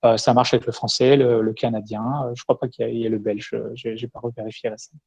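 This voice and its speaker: A man's voice: mid-range voice, level tone, fast, creaky, a little mellow, breathy edge. Man giving a tech talk with demo. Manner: explains step by step while demoing. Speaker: tech conference speaker. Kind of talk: conference talk with live demo.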